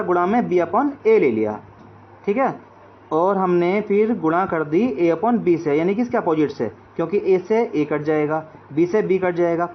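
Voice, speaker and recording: A man teaching math, explaining each step and checking in with his students. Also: sits high. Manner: repeats check-in phrases like "okay friends". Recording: dull lo-fi audio with faint hiss.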